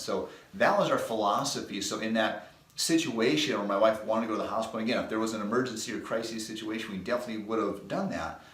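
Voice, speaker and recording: Chiropractor guy rambling thru a story, kinda low voice, roomy sound. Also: a bit bright. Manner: folksy, rambling anecdotes with restarts. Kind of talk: casual storytelling to camera.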